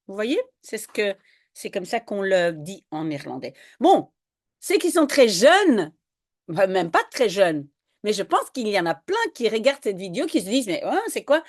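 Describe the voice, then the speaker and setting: A woman language teacher with a Belgian French accent, explaining a lesson in a friendly, animated way. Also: medium pitch. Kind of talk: lesson with read-aloud.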